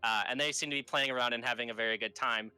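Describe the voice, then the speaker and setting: A man running a tabletop game in loose, rambling narration full of fillers and the odd curse. His voice is bright and crisp. Faint music plays behind him. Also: mid-range voice, steady tone, fast. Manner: casual, rambling, swears freely. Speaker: game master.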